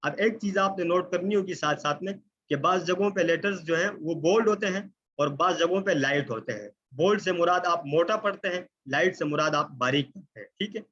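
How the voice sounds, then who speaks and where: A man's voice: a little high, a bit bright, husky, muffled recording. Patient man teaching a recitation lesson. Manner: explains patiently, checks in often with "ٹھیک ہے؟"; draws out vowels slowly in example words. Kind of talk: online tajweed lesson. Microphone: computer mic on a video call.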